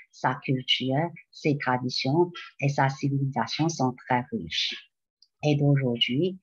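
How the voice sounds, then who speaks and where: A middle-aged woman from China, whose first language is Chinese, presents her Mandarin course to parents at a slow, careful pace. Her voice is a little husky, and the sound is dull, lo-fi webcam audio from a small room. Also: very deep voice, a little mellow. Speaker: Mandarin teacher. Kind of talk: recorded school presentation.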